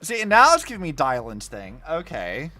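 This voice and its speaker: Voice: medium pitch, huge pitch swings, moderate pace, bright, forceful tone, soft background music. A VTuber streamer giving casual, wry gameplay commentary, thinking aloud.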